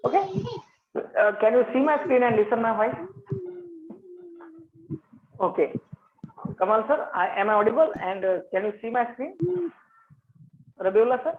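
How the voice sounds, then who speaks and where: A man's voice: extremely high pitch, animated, normal speed, pauses often, slight background noise. Indian man presenting on a video call. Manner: hesitant, many filler sounds. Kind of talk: online lecture. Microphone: computer microphone on a video call. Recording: dull lo-fi call audio.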